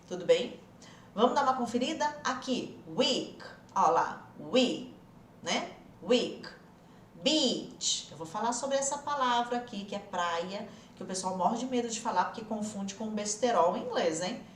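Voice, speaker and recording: A woman with a fairly high voice leads an online English pronunciation lesson, coaxing learners and repeating each word slowly so they can practice. Her voice rings in an echoey room with a faint hum of ambience behind it. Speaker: English teacher.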